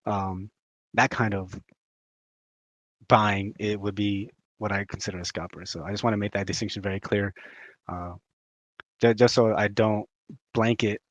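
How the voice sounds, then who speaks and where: Low voiced guy on a podcast, picks his words carefully, dry and kinda muffled. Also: fairly even intonation, moderate pace, pauses often, dry recording. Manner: hesitant, careful wording. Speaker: podcast co-host. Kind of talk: casual chat. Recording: dull, dry lo-fi audio.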